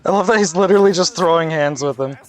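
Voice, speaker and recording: A man's voice: on the high side, quick pace. A man giving casual live commentary as he streams a game.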